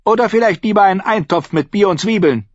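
Male narrator doing a towering, shrill innkeeper woman for an audiobook; bossy and scolding, husky edge. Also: quick pace, no echo, muffled recording.

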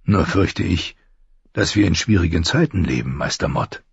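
Guy doing a calm stern lord, low voice, slow and firm, dry dull sound. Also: creaky, slightly rough, no echo, exaggerated voice. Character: stern noble lord, middle-aged man, patient.

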